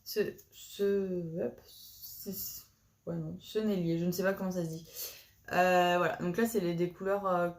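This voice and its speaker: Chatty woman with a lowish voice. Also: fairly even intonation, unhurried. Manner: hesitant, many fillers and restarts, chatty. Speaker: vlogger showing a haul of coloring supplies. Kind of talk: casual chat to camera.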